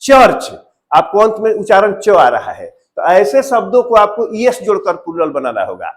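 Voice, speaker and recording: High-voiced male teacher explaining step by step. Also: huge pitch swings, moderate pace. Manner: repetitive, asks questions and answers them himself. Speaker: English grammar teacher. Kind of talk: classroom-style grammar lesson.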